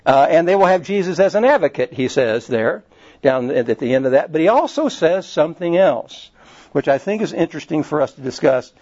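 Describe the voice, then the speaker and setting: Male pastor, fairly high voice, chatty and digressive delivery, slightly dull lo-fi recording. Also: lively intonation, brisk, darkish tone. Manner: conversational, digressive, with frequent restarts. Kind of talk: sermon.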